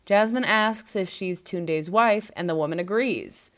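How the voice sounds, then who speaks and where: A woman's voice: medium pitch, a little slow. A woman hosting a podcast, recapping a film in casual chat and laughing often. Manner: giggly, animated storytelling. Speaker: podcast host.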